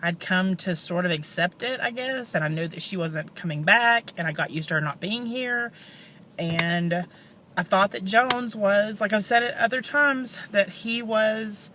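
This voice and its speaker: A woman speaking in a halting, downcast, grieving way, as in a personal confessional vlog. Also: mid-range voice, sharp tone, a little hiss or hum. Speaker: vlogger, bereaved mother.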